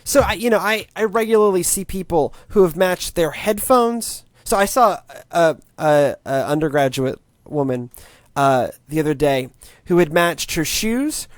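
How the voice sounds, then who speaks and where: A man's voice: high voice, dry recording, studio quality. A man in his late twenties, a tech podcast co-host, chatting casually in a wry, rambling way with lots of restarts. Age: late 20s.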